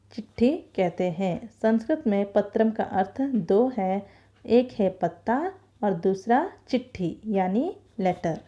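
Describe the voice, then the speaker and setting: A woman's voice: mid-range voice, mellow, muffled recording. A woman teacher explaining a lesson patiently, repeating key words and slipping in English terms.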